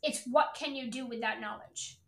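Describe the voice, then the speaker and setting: Female sales coach, high register, hard-hitting motivational delivery with swearing and insistent repetition, recorded in a reverberant room. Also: moderate pace. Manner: blunt, emphatic, repetitive, swearing. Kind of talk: motivational coaching talk to an online audience.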